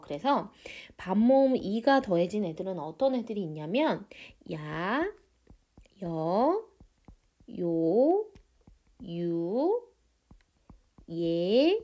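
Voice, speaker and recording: A female teacher gives an online grammar lesson in a cheerful, emphatic way. Her pitch swings widely as she stretches out key terms. The voice itself is mellow and warm rather than bright. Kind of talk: online lecture.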